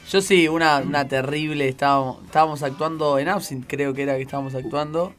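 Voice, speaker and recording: A man's voice: on the high side, fairly even intonation, a little fast, fairly bright tone, soft background music. An Argentine man telling a stage anecdote in a casual radio chat, laughing as he goes. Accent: Argentine Spanish. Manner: storytelling with bursts of laughter.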